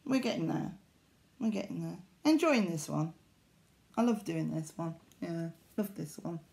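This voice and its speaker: A middle-aged needlework vlogger sits in a small living room, chatting to a camera held at arm's length in a hesitant, rambling way. Her voice is fairly low, gravelly and darkish, with lively intonation and a slightly slow pace.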